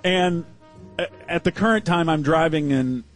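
A man's voice: fairly high pitch, normal speed, faint music behind. A man who hosts a sports radio talk show, telling a long story in casual chat, acting out the other people and laughing often.

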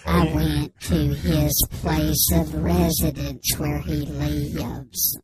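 A woman putting on a disguised deep, slowed caller voice. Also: heavy background noise. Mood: deadpan. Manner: slow, deadpan, prim. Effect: voice-disguising filter, slowed and deepened. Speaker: anonymous radio guest.

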